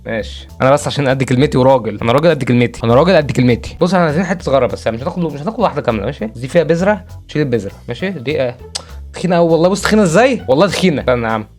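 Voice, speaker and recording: Rapid-fire excitable Egyptian gamer man. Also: medium pitch, faint music behind. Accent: Egyptian Arabic. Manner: excitable, rapid, repeats phrases and cries out. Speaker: gaming video host. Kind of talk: let's-play commentary.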